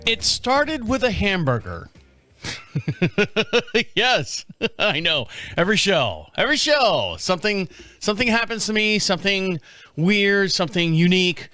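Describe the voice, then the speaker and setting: Very animated yet unhurried, the fifty-something host speaks in a high, bright, forceful voice during his casual solo studio podcast, rambling, repeating himself, and laughing frequently. The recording is dry, with faint music behind.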